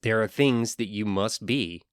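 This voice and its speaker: A fairly low-pitched man speaks in an earnest, lecturing solo podcast monologue. He adds wry asides along the way. The sound is dry and close-miked, with no room around it. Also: measured pace, smooth, dry recording. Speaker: podcast host.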